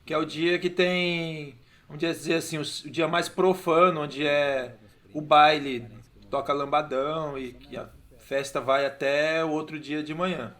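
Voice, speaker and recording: Male filmmaker, higher-pitched voice, easygoing scene-by-scene commentary. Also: a little slow. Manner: relaxed, descriptive, hesitant restarts. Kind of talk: film commentary track.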